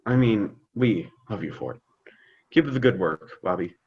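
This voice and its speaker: A man's voice: fairly low pitch, lively intonation, moderate pace, husky, muffled recording. A man playing a fond, hesitant dad in a scripted stage comedy, fumbling for his words. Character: fond, hesitant, slightly awkward suburban dad. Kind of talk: scripted youth theater comedy acting.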